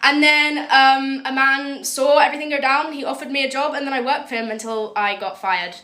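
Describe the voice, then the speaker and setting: Fast, bright woman telling a story. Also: high voice. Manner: swears freely, animated, keeps asking "right?". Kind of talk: casual storytime.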